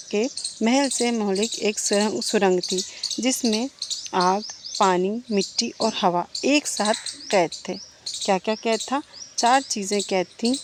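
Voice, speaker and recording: A woman teacher giving an exam-prep lecture, asking questions and answering them herself, repeating the key points. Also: medium pitch. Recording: noisy background with birdsong. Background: birds and insects chirping.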